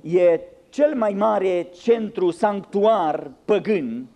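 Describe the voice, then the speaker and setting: A man's voice: high voice, mellow. A man preaching a sermon, dramatic and ironic, acting out the voices he quotes with big swings and speaking in asides to the congregation.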